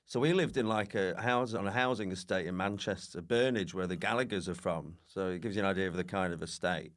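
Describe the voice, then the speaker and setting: Deep-voiced yet a bit bright, this man talks briskly as a guest comedian on a podcast. He giggles through loose, rambling stories that poke fun at himself, all in a casual chat.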